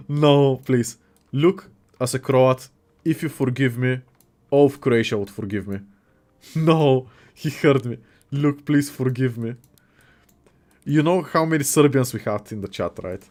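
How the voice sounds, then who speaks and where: A young Bulgarian man, a native Bulgarian speaker, hosts a casual livestream, chatting and joking as he reads viewers' messages aloud and reacts to them. His medium-pitched voice has a darkish tone, and he speaks slowly with long pauses.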